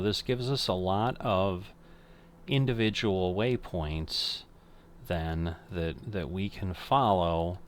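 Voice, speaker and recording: A man's voice: low voice, a little hiss or hum. An older man casually commenting on a flight simulator game, thinking aloud and correcting himself as he goes. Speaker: flight sim streamer.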